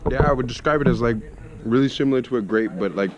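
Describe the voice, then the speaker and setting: A man's voice: mid-range voice, fast, muffled recording. A man giving casual, conversational running commentary as a travel vlogger. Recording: busy chatter behind the voice.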